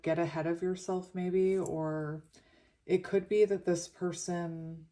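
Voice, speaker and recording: A woman's voice: fairly low pitch, mellow. A woman with a slushy lisp from a retainer, giving a casual, meandering tarot reading in an informal, reflective way. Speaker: tarot reader.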